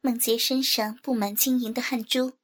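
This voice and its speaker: A woman narrating a scripted adult audio story in a soft, even delivery. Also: on the high side, moderate pace.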